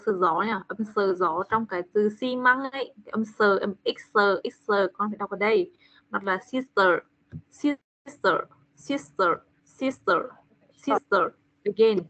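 A woman with a Vietnamese accent teaching English to a child in an online class, slowly repeating words for the child to copy. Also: mid-range voice, fairly bright tone. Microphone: video call. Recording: dull lo-fi call audio.

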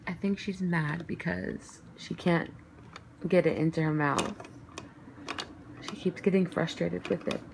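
A young woman talking to her baby in soft, cooing baby talk with high sing-song swoops, filmed at home on a handheld camera. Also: steady tone, a little slow, vocal fry, long pauses. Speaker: mother filming her baby. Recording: noisy home video.

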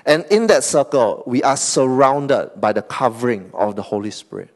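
A Singaporean man preaching a sermon as pastor, animated, often tagging lines with "okay?" and "right?", swinging between loud emphasis and soft asides. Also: mid-range voice, normal speed.

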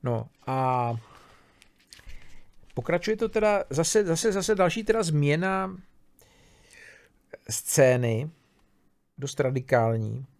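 A man's voice: a little high, animated, pauses often, a little mellow. A man giving an informal spoken lecture on a philosophy text. He thinks aloud, restarts his sentences and keeps asking his listeners for agreement. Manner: casual, thinking aloud with many fillers, restarts and tag questions.

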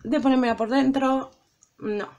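A woman's voice: high voice, fairly even intonation, normal speed, darkish tone. A middle-aged woman with a Spanish accent from Spain, chatting to her viewers while doing her makeup, dramatic and talkative. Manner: chatty, self-dramatizing, addresses viewers directly. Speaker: beauty vlogger. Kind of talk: casual makeup tutorial chat.

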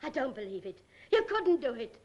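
A woman's voice: sits high, sing-song, moderate pace, darkish tone, muffled recording. An actress playing a tearful middle-aged working-class mother and wronged wife, sobbing as she talks, in 1930s film style. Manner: weepy, sobbing while talking.

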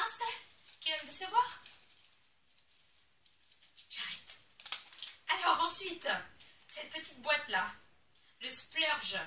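A young woman gushes over the products she unboxes, casual and full of exclamations. Her voice is quite high and very bright. It sounds roomy and echoey, with her a little away from the mic and a faint hiss behind. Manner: excitable, gushing, exclamations. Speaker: beauty vlogger. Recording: echoey room, somewhat far from the mic.

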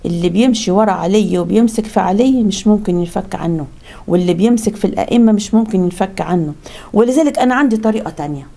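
A woman's voice: mid-range voice, quick pace, creaky, mellow. A woman with an Egyptian accent voicing the devil as a wailing, scheming male spirit. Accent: Egyptian Arabic. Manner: anguished wailing, then scheming.

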